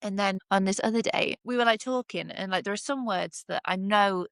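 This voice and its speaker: A woman's voice: mid-range voice, a little fast, a bit bright, clean tone, no room sound. A woman co-hosting a podcast, telling stories in casual chat, swearing freely and using many fillers. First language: English. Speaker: podcast co-host.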